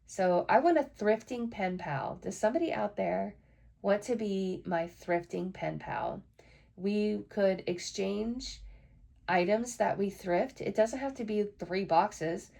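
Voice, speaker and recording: A woman's voice: medium pitch, takes it slowly, creaky, darkish tone. A woman hosting a casual solo podcast, chatty and frank, swearing now and then when frustrated. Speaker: podcast host.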